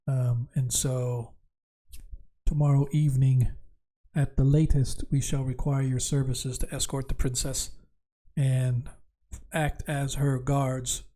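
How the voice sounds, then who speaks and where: A man playing a dutiful royal attendant, briefing guards in a formal, halting way in a tabletop game. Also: mid-range voice, warm tone, low-quality recording.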